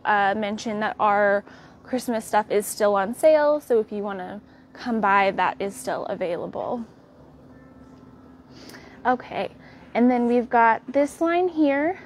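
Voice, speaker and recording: A young woman with an American accent hosting a live tour of a quilt fabric shop, walking the aisles and showing products in a friendly, unhurried way. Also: on the high side, slight background noise. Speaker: quilt shop staff host.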